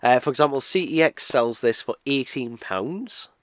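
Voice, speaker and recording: An expressive, mid-range voice at normal speed carries this rambling, uh-filled casual game unboxing review by a British man in his twenties. He is nasal from a cold, and there's no room sound.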